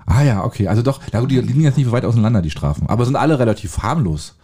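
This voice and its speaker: A man co-hosting a podcast, chatting fast with a warm, darker tone. He rambles, throws in ironic jokes and keeps asking for agreement. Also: medium pitch, expressive, breathy edge. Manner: ironic, rambling with tag questions. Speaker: podcast co-host. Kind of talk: casual chat.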